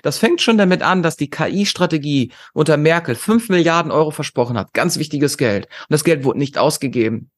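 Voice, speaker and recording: Speaking with hardly any pauses, a German podcast guest and conference founder delivers his strong opinions fairly quickly. His voice leans high with lively intonation, and rhetorical questions punctuate his forthright talk.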